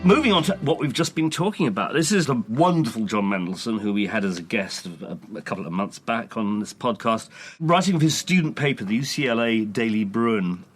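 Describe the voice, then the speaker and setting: A man's voice: fairly low pitch, expressive, brisk. A man co-hosting a music podcast, talking in a chatty way and laughing easily. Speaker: podcast co-host. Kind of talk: casual chat about music journalism.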